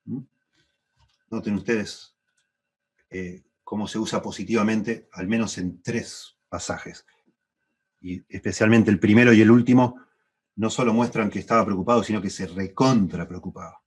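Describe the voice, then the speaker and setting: A thoughtful middle-aged Argentine man, speaking with a Rioplatense accent, leads a Bible class at church, repeating phrases for emphasis and going higher in pitch on key points. His voice has a steady tone and a breathy edge, at a moderate pace.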